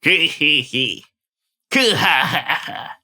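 A streamer voicing a sinister, mocking gentleman villain in a video game, gloating and taunting theatrically like a mustache-twirling villain. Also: medium pitch, very animated, measured pace, noisy background.

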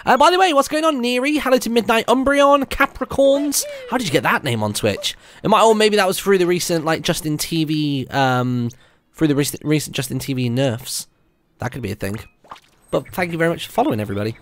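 Lively British man with a higher-pitched voice. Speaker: video game streamer. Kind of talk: casual live gameplay commentary, chatting with viewers. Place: indoor room, streaming setup at home. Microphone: close microphone on a stand. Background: video game music.

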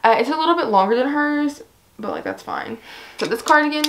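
A woman's voice: high voice, wildly swooping pitch, a little fast, fairly bright tone, a little hiss or hum. A young woman chatting casually to camera in a fashion try-on vlog, bubbly and giggly, full of fillers, a little out of breath. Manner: bubbly, giggly, lots of fillers like "like" and "I don't know". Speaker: fashion vlogger.

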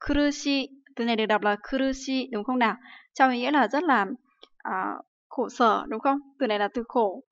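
A woman's voice: on the high side, brisk, no room sound. A woman from Vietnam teaching Japanese in a livestream lesson, often asking rhetorical questions and using many fillers. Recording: dry, slightly dull livestream audio.

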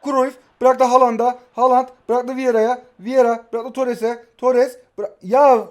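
A man in his twenties from Kahramanmaraş, speaking with an Istanbul Turkish accent, chatting and joking excitedly while he commentates his own football video game. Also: extremely high pitch, a little slow. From Kahramanmaraş, Turkey. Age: 20s. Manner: excitable, jokey, chatty, shouting at his players. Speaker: mobile football gaming YouTuber. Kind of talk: live gameplay commentary.

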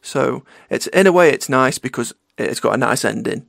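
Man, podcast host, gravelly, easygoing, reassuring, dry close recording. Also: medium pitch, animated, normal speed, a bit bright, no room sound. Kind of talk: casual interview chat.

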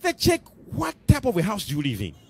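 A man's voice: sits high, huge pitch swings, fairly quick, vocal fry, a little mellow, breathy edge. A middle-aged man with a Malawian accent preaching a sermon on a church stage into a handheld mic, emphatic and repeating his phrases. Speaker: pastor.

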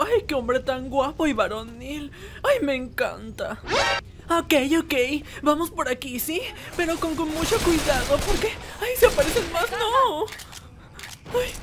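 A woman's voice: high voice, noisy background. A woman voicing Whis, a timid, fussy male angel in a comic fan animation, sighing and shrieking in fright. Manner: camp, sighs "ay" constantly, shrieks when scared. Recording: game music playing behind the voice.

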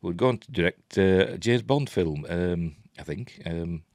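Low and darkish in tone, his voice moves at an ordinary speed with no room sound. He's a sixty-something from Yorkshire with the local accent, hosting a film and TV news vlog and giving loose, faltering commentary from a cramped, cluttered room at home.

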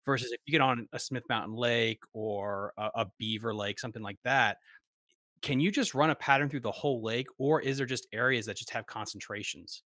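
A man's voice: mid-range voice, fairly quick, sharp tone, no echo, clean studio sound. A young man hosting a fishing podcast, talking enthusiastically in long run-on thoughts. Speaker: podcast host. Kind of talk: casual interview talk. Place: small home studio. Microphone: studio mic on desk.

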